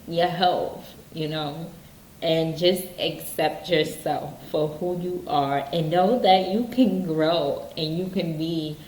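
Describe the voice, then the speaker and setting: A woman's voice: on the low side, roomy sound, a little hiss or hum, low-quality recording. A woman giving casual motivational self-help advice, earnest, often checking in with "okay?". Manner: earnest, repeats points with "okay?".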